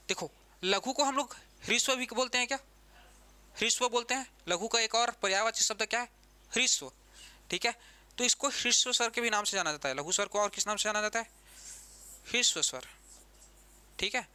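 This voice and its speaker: A man's voice: high-pitched, brisk, pauses often, bright, forceful tone, smooth. A man teaching an exam-prep grammar lesson, who repeats key terms and keeps asking the class questions.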